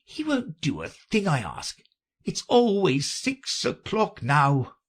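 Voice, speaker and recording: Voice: medium pitch, sing-song, unhurried, slightly rough, voice pushed up, heavily acted. A reader voicing an eccentric, mournful and argumentative storybook man who explains himself in a theatrical, insistent manner.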